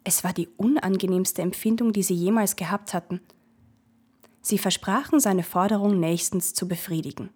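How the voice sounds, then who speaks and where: A woman reads a classic fairy tale aloud. Her delivery is measured and steady, in a middle pitch. The tone is soft and a little breathy. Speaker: narrator.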